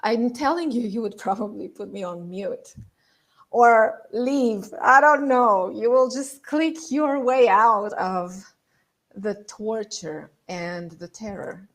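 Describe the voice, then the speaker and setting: A woman demonstrating a stressed presenter's squeaky, constricted head voice in a lesson. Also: slow. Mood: strained, loud.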